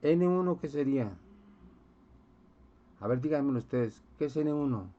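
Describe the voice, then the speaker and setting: A male physics teacher walks a class through a lesson step by step, regularly checking in with students and quizzing them. His voice is a little high, expressive and mellow, at a moderate pace. The recording sounds dull and muffled.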